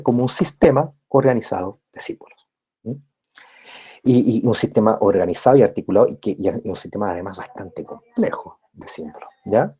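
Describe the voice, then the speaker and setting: A man's voice: mid-range voice, dark tone, husky. A man giving a recorded university lecture, explaining step by step and often checking in with his listeners. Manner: constant tag checks with listeners; explanatory, repeats and rephrases points.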